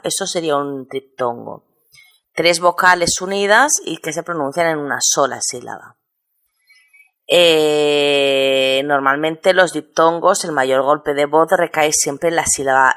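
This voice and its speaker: Woman, low voice, patient teacher, step-by-step explanation. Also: fairly bright tone. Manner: patient, explains step by step and spells out syllables slowly. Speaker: Spanish teacher. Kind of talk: recorded lesson on spelling rules.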